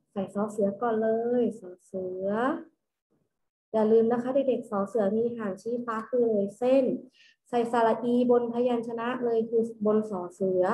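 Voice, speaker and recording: A woman teaching a recorded kindergarten homework lesson, slowly and patiently repeating each step for small children to follow. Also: on the high side, mellow, roomy sound, poor audio.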